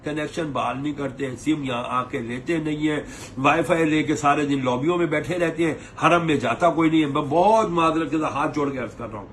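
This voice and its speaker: A man's voice: a little high, hardly any pauses, fairly bright tone, a little hiss or hum. A man, a tour operator lecturing pilgrims to camera in a preachy, scolding way, mimicking their complaints. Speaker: umrah tour operator giving advice. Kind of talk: advice talk to camera.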